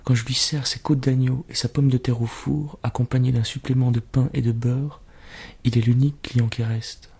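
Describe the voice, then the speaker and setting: A man narrating a literary short story in a calm, measured way. His voice is gravelly and raspy, at an ordinary pitch.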